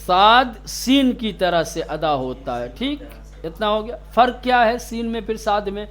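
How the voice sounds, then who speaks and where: High-voiced guy teaching quran pronunciation in class, drags out letter sounds, pretty strict with the kids. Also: expressive, a bit bright. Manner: drawn-out demonstrations of letter sounds; stern, scolds students sharply. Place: classroom with students.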